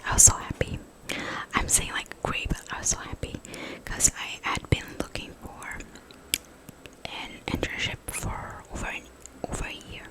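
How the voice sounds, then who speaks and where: A young woman whispering in a hushed voice, rambling casually for ASMR in a halting, conversational way. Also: low-quality recording. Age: young adult. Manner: hushed voice, pure unvoiced whisper. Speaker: ASMR content creator.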